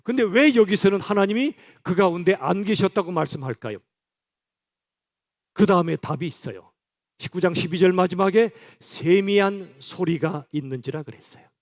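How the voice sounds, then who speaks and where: A man's voice: sits high, lively intonation, moderate pace. A male pastor preaching a sermon in church, speaking directly and conversationally to his congregation.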